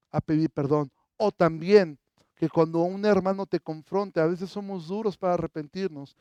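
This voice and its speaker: A male pastor preaching an impassioned sermon, moving from loud proclamation to soft, intimate appeals. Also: fairly high pitch, clean tone, no echo. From Mexico.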